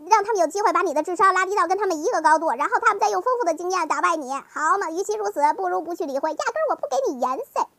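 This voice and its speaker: A woman's voice: extremely high pitch, racing, hardly any pauses, sharp tone, dry recording. A woman fan vlogger talking casually to her viewers in a chatty, coaxing way, often asking them rhetorical questions. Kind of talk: casual fan commentary talk.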